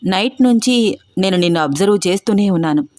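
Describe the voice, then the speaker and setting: A woman's voice: medium pitch, expressive, fairly quick, darkish tone, no echo, lightly acted. Storybook villain: a woman doing an older man, cold and threatening, dry close sound. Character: older man, menacing powerful neighbour threatening a young woman.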